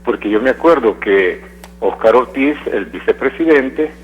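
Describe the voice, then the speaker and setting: A man's voice: medium pitch, animated, normal speed, slightly rough. A man phoning in to a radio show who speaks in an earnest, hesitant way with fillers. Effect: phone-line call-in voice on air. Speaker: radio call-in caller. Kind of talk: phoned-in opinion. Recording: dull phone line.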